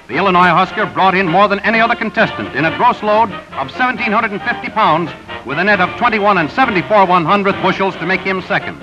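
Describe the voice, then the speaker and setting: A high-pitched male narrator reads sports results in a brisk announcer cadence, as on a 1930s newsreel. The sound is dull and lo-fi, with music running clearly underneath. It has the tone of a vintage cinema newsreel. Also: lively intonation. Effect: old 1930s newsreel soundtrack. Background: music bed.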